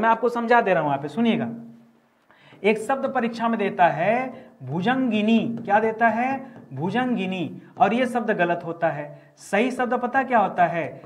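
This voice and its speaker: A man with a high voice teaches a grammar lesson for exam preparation. He repeats key words and quizzes the students with rhetorical questions.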